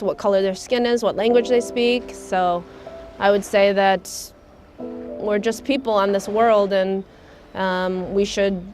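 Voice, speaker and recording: Soft-spoken American woman, hesitant. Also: medium pitch. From United States. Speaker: volunteer. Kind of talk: documentary interview.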